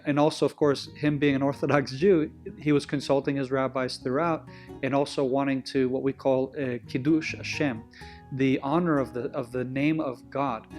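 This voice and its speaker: A man with a medium-pitched, slightly mellow voice speaks as a guest in a conversational interview. He is from Israel, has an Israeli accent, and his first language is Hebrew. He tells stories in a rambling way, often stopping to correct himself and restarting frequently.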